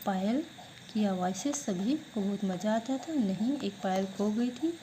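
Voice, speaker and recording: A woman teacher giving an online class lesson, who asks questions and answers them herself, drilling words slowly syllable by syllable. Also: medium pitch, dark tone, slight background noise, poor audio.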